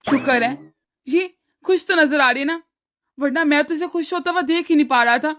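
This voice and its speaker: A woman voicing a caring, agreeable young husband in a cartoon story, speaking in a gentle, reassuring way. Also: sits high, normal speed, a little hiss or hum. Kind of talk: cartoon voice acting.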